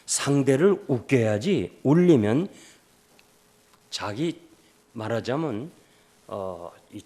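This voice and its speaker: Impassioned older male preacher. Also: medium pitch. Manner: storytelling sermon, swings from hushed to loud impassioned calls; acts out quoted speech in the story. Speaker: pastor. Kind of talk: revival sermon. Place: church sanctuary.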